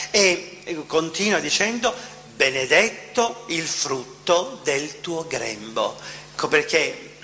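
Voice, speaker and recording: A man's voice: fairly high pitch, sharp tone, in a large hall, a little hiss or hum. A man preaching a sermon, emphatic and questioning, often repeating his phrases.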